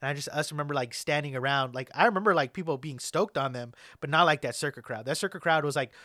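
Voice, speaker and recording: A man's voice: on the high side, fast talker, bright, forceful tone, no echo. Rambling slangy young man, dry mic. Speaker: podcast host. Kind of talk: casual chat.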